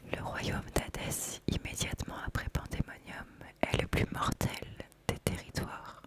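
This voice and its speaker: A woman whispering a soft, measured ASMR presentation with deliberate phrasing. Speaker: ASMR host presenting an oracle card deck.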